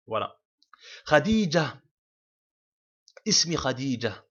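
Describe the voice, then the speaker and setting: A man's voice: mid-range voice, very animated, slow pace, a bit bright. A man teaching a casual video lesson, explaining patiently with many fillers, restarts and repeats. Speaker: Arabic teacher. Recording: dull lo-fi home recording.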